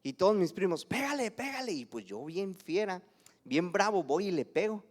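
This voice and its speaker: A man's voice: high-pitched, expressive, moderate pace, a little mellow. A man with a Mexican accent preaching a conversational sermon, asking his congregation questions and acting out stories from his childhood. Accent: Mexican Spanish. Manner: conversational, acts out anecdotes and asks the congregation questions. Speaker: pastor.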